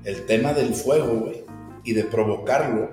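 A man's voice: mid-range voice, normal speed, darkish tone, heavy reverb, long reverb tail, faint music behind. A man with a Mexican accent, a bakery director talking as a podcast guest, slangy and swearing freely as he tells stories. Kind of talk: casual podcast interview.

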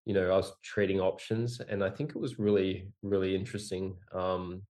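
Low-voiced man, chatty and self-deprecating. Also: flat delivery, moderate pace, darkish tone. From Australia, raised in Singapore and Hong Kong. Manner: rambling, many fillers and restarts, self-deprecating humor. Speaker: podcast guest, company founder. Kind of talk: casual conversational interview.

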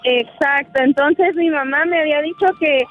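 A woman calling into a radio show from a bus, speaking earnestly and softly. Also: sits high, steady tone, normal speed. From Mexico. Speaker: caller. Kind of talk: phone-in conversation. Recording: tinny phone line with music.

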